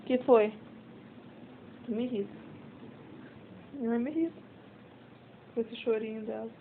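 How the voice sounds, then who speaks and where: A young woman with a high voice talks slowly in a casual home video, cooing baby talk at her dog and cursing bluntly. The sound is thin and tinny, like a cheap phone mic. A faint hiss sits underneath. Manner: coaxing baby talk to a pet, mixed with blunt swearing. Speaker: dog owner filming at home.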